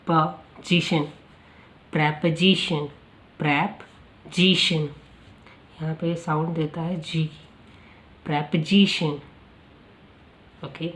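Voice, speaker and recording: A male English teacher talks through a lesson, asking the class questions and answering them himself. He drills pronunciation by saying each word slowly several times over. His voice rings with a roomy echo. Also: fairly high pitch. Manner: explanatory, asks the class rhetorical questions. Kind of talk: spoken-English lesson explained in Hindi.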